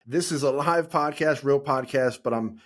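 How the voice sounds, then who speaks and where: A man's voice: mid-range voice, normal speed. A man hosting a podcast, a former police officer, asking loose conversational questions in a casual interview.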